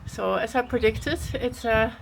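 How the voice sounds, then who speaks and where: A woman's voice: on the high side, a little slow, creaky, slight background noise, poor audio. A woman hiking vlogger talking casually outdoors on a mountain trail in the rain, chatty with frequent fillers. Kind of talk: casual vlog narration while hiking.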